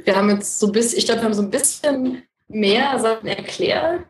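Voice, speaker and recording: A woman's voice: on the high side, brisk, a little hiss or hum. A woman co-hosting a podcast in casual conversation, rambling and correcting herself. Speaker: podcast co-host. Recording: roomy, distant from mic.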